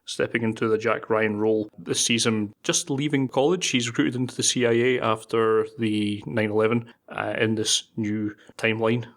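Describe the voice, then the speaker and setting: A man's voice: mid-range voice, fairly bright tone. A Scottish man co-hosting a film podcast, summing up plots and giving verdicts with dry, wry humour. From Scotland. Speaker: podcast co-host. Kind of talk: casual film review chat.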